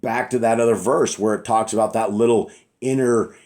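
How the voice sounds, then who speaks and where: A man with a raspy voice teaching scripture in a casual, rambling, earnest way, often checking in with "right?". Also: mid-range voice, steady tone, moderate pace, a little mellow.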